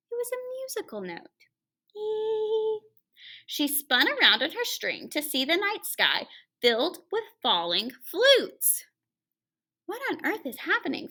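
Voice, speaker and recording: A teacher brings a children's story to life, her voice high and bright, her pitch leaping around. Dramatic pauses build the tension, and now and then she lowers her voice for chatty, hushed remarks to the kids.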